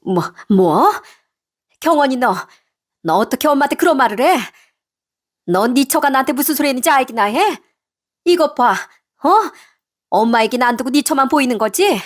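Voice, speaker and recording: A woman voicing a pushy, scolding mother-in-law in her sixties in a storybook tale, shrill and indignant. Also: lively intonation, normal speed. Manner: shrill, indignant, guilt-tripping. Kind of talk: storybook narration with acted voices.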